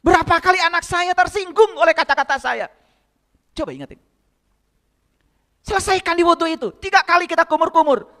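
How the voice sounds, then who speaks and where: A man's voice: very high-pitched, animated, fairly quick, long pauses, pushed and bright. A man with a light tinge giving a sermon, pressing the congregation with rhetorical questions. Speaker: spiritual teacher. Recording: long hall reverb.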